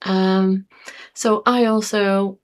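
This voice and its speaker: A woman's voice: medium pitch, steady tone, extremely slow, a little mellow. A woman in her forties chatting casually to camera in a rambling vlog, with lots of fillers. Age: 40s. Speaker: YouTuber.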